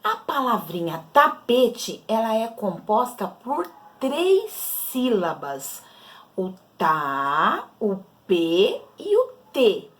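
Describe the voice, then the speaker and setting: A Brazilian woman teaches young children to read, sounding out syllables slowly and carefully. Her pitch rises and falls in a lively, sing-song way. She speaks in a patient, unhurried manner throughout. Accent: Brazilian Portuguese. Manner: slow, patient, explains syllables step by step to children. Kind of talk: children's literacy lesson.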